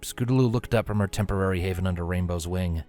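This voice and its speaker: A man reads a scripted storybook tale in a fairly low, warm voice, moving fast, with light music playing behind him.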